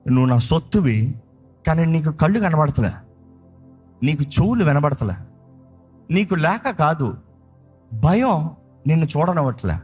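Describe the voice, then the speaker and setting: A male pastor preaching a sermon in a Telugu accent, repeating phrases with emphasis and drawing key words out slowly. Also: fairly high pitch, sing-song, a little mellow, husky, faint music behind.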